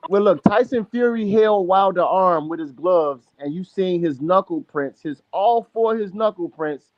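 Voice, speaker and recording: Insistent male podcast debater, high-pitched voice, muffled lo-fi line. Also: normal speed. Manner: insistent, repeats "look" and "bro". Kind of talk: heated casual debate. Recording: dull lo-fi line with faint noise.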